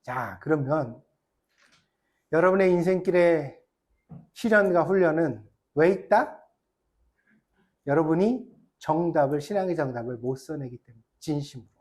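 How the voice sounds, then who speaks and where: A pastor delivering a church sermon in a lively, swooping voice. The delivery is impassioned and exhorting, full of rhetorical questions to the congregation, with wry self-deprecating asides mixed in. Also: medium pitch, a little slow, pauses often.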